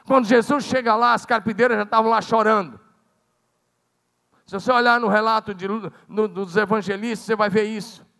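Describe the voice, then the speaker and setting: A Brazilian Portuguese-speaking man preaching a sermon as pastor, swinging dramatically between loud calls and hushed, low passages. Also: fairly even intonation, fairly quick, gravelly. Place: church sanctuary. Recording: long church hall reverb.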